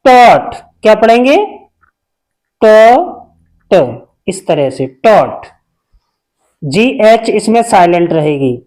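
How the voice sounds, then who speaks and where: A man's voice: high-pitched, animated, slow pace, a little mellow. A man teaching an English reading lesson, reading one word at a time and asking how each word is pronounced. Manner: reads each word separately and asks the learner how to pronounce it.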